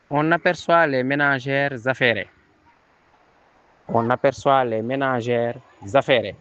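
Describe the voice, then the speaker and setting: A man's voice: mid-range voice, fairly bright tone. A man reading a dictation aloud, repeating each phrase several times and calling out the punctuation. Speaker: teacher giving a dictation. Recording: dull lo-fi recording.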